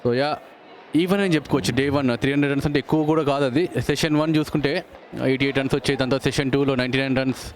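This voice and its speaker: A man's voice: mid-range voice, fairly even intonation, racing. A man with an Indian accent, a co-commentator giving Telugu cricket analysis mixed with English. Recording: live broadcast with clear stadium noise.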